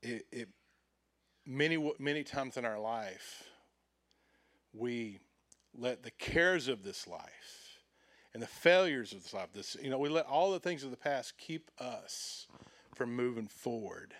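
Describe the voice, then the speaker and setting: A middle-aged man, a pastor preaching a sermon in church, animated and acting out quoted voices with swings in loudness. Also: medium pitch, takes it slowly.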